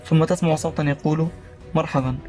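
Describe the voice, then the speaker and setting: A man narrating a story in a steady, reading style. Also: a little high, soft background music. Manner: rapid, even reading.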